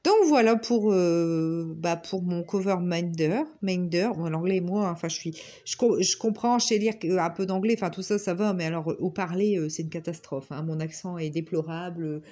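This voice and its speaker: A woman's voice: lowish voice, fairly even intonation, brisk, hardly any pauses, mellow. A woman from northern France with a Ch'ti accent, chatting casually to her viewers in a hesitant, rambling way full of fillers. She has a head cold and a sore throat, so her voice sounds stuffy, nasal and slightly hollow. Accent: northern French (Ch'ti). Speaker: crafting vlogger.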